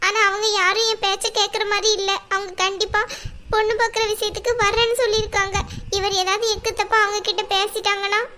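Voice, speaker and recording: A woman's voice: very high-pitched, flat delivery, fast talker. A woman voicing an anxious, pleading young wife in a cartoon. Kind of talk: cartoon voice acting.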